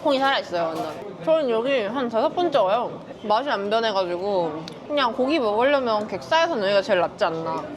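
A woman food vlogger chatting playfully as she eats, full of quick exclamations. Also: on the high side, big pitch swings. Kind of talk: casual mukbang chat. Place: busy restaurant. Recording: restaurant crowd chatter behind. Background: diners chattering.

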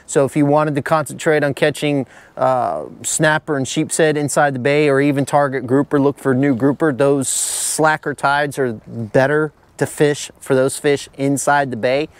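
A man's voice: on the high side, no echo. A middle-aged man hosting a fishing forecast outdoors on a boat, talking plainly and chattily, often repeating himself. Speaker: fishing channel host.

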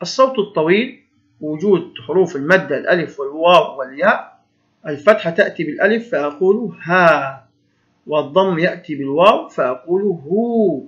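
A man's voice: a little high, fairly bright tone. A man leads a first-grade reading lesson in a slightly raised voice, encouraging the pupils and stretching out the syllables of each model word. The recording is dull and lo-fi. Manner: encouraging, addresses pupils as heroes, drawn-out syllables when modelling words. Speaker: primary school teacher.

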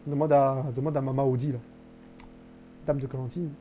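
A man's voice: mid-range voice, little pitch movement, moderate pace, dark tone, slight background noise. A young man streaming a live game, chatting with his viewers, joking and mocking himself as he plays. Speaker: gaming streamer. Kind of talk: live gameplay commentary.

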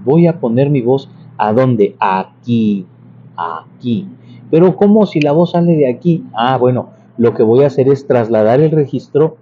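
A man giving a casual singing lesson, explaining patiently with many restarts and examples. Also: mid-range voice. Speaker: church music and singing teacher. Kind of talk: casual vocal lesson with sung demonstrations. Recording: dull, slightly lo-fi sound with faint noise.

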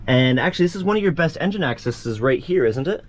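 A man's voice: on the high side, animated, fast, slight background noise. A man hosting a vlog, giving a casual, upbeat tour inside a sailboat cabin and talking straight to his viewers.

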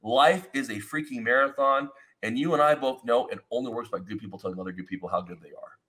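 A man in his thirties hosts a casual podcast over a video call from his home studio, where a foam-panel wall stands indoors. He talks energetically at a quick pace in a medium-pitched voice, rambling through stories with expressive hand gestures.

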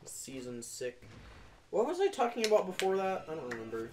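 Over a noisy background, a young man with a high voice chats casually and fairly quickly while playing a video game with a friend. He's animated and giggly, joking and laughing often.

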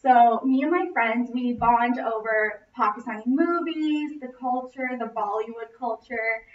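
A young woman from Los Angeles, a student, takes her time delivering a prepared personal speech, projecting her fairly high voice expressively through the classroom. Distant camera recording makes it sound roomy, echoing, muffled and noisy.

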